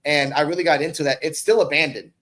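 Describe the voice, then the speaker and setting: Speaking fast with a fairly high, steady pitch and a bright, forceful tone, a man from the Bronx in New York talks casually as a podcast guest. He's an online content creator and podcaster whose conversational chatter is rambling, slangy, and laced with swearing.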